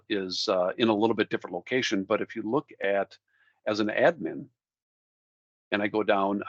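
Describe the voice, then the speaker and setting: Minnesota guy demoing software, lowish voice, kinda dull lo-fi line. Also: dry recording. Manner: friendly, walks through steps out loud. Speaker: product demo presenter. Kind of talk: casual software demo.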